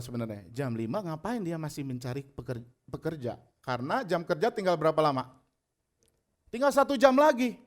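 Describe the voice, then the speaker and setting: A male pastor preaching a conversational sermon, retelling a parable with lively character voices. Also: sits high. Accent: Indonesian.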